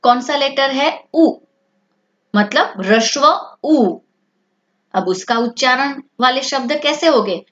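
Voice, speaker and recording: A woman teacher with a fairly high voice who talks slowly and patiently. She asks her pupils a question and then answers it herself. The sound is dull and lo-fi. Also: expressive. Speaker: language teacher. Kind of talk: explaining a language lesson to children.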